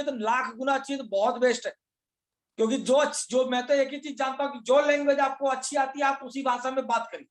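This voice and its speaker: High-voiced man giving a training class. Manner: explains step by step, repeats phrases, mixes Hindi with English words; asks questions and answers them himself. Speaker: leadership trainer. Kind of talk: motivational class lecture.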